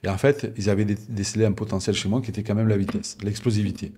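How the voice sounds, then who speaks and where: A middle-aged man from southern France, a former rugby player, telling lively anecdotes in a casual interview and acting out other people's voices. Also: lowish voice, quick pace, slightly rough. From Toulon, southern France.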